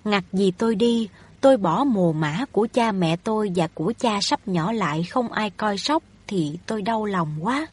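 A woman's voice: medium pitch, animated, moderate pace, a little mellow, husky. A woman voicing a humble poor widowed peasant mother in a storybook reading, anxious and pleading. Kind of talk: audiobook reading of a novel.

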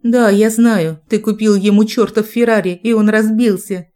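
A woman voicing a stern wealthy mother with a harsh, husky edge. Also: mid-range voice, fairly even intonation, normal speed, dark tone, close to an everyday voice. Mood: commanding. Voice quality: hoarse edge.

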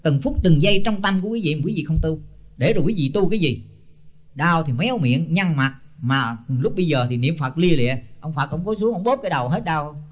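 Older man, Buddhist monk, blunt scolding sermon, high-pitched voice, muffled old tape. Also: animated, brisk. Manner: blunt and scolding, with rhetorical questions and chuckles. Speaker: senior Buddhist monk teaching disciples. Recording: dull lo-fi tape.

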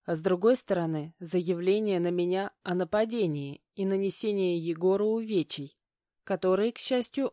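A woman narrating a first-person audiobook with a steady, measured reading. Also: mid-range voice, no room sound, clean studio sound.

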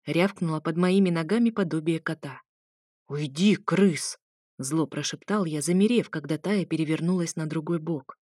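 A woman's voice: lowish voice, darkish tone, no echo, studio quality. A woman reading a first-person story aloud, in a wry, conversational way. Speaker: audiobook reader.

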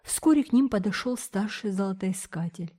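A woman reading a children's adventure book aloud as a narrator, steady and expressive. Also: medium pitch, moderate pace. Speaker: audiobook narrator.

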